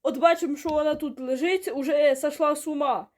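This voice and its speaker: A woman's voice: high-pitched, fairly even intonation, a little fast, slight background noise. A young woman hosting a reaction video, chatty and exclamatory, sometimes dropping to a whisper. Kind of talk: casual reaction commentary.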